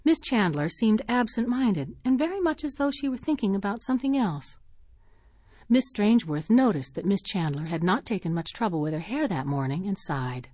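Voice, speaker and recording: A woman narrating a short story in a measured, expressive reading. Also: medium pitch, no echo, studio quality.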